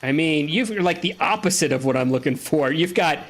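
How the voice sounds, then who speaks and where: A man's voice: fairly high pitch, lively intonation, a little fast. A man giving casual, joking let's-play commentary while chatting with a friend. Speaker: gaming streamer.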